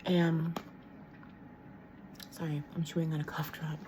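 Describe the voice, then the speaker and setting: A woman's voice: lowish voice, fairly even intonation, measured pace, mellow, a little hiss or hum. A middle-aged woman vlogging at home in casual chat to camera, rambling and frank, with many ums and restarts.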